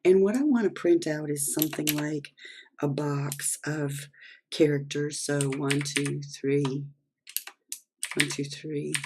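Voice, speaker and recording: A programming instructor, hoarse and losing their voice, explaining step by step while working through a screen-recorded coding lesson. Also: medium pitch, steady tone, slow pace, background noise.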